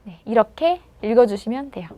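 A woman teaching pronunciation in a video lesson, patiently prompting and sounding words out slowly. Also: fairly high pitch, animated, dark tone, no echo. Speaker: language teacher.

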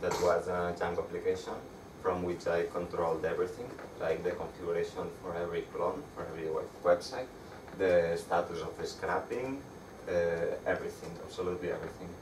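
A young man with a Spanish accent presents a technical talk to a meetup crowd, his voice low and flat. He stumbles and restarts often as he explains. The sound is distant and roomy, with noise in the background. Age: young adult. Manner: halting, with frequent restarts. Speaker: meetup speaker. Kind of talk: conference talk with slides. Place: dark room with projector screen. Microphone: far camera. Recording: echoey room, distant mic, audible background noise.

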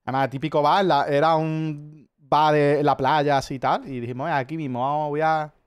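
A man's voice: fairly high pitch, little pitch movement, moderate pace, clear, resonant tone. A man with an accent from Spain, chatting casually as a streamer, telling rambling stories full of swearing. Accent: Spanish from Spain. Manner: profane, rambling storyteller. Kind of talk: casual chat.

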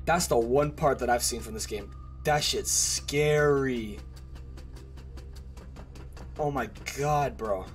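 A man's voice: mid-range voice, slow pace, long pauses. A young man hosting a horror game let's play, chatting casually, swearing and getting scared. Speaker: gaming channel host. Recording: game music playing under the voice.

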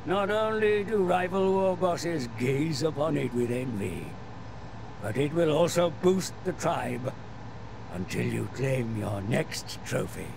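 Creaky, fawning goblin advisor. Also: male voice, a little high, lively intonation, slow, full character voice. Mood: fawning, proud. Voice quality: creaky, gravelly. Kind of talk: scripted game narration. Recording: game audio under loud background noise.

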